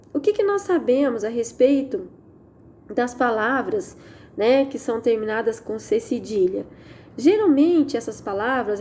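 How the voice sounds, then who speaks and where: Patient woman teacher with a warm voice. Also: on the high side, a little hiss or hum. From Brazil. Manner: patient, checks understanding with tag questions; slows down to stress key sounds. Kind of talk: recorded online Portuguese lesson.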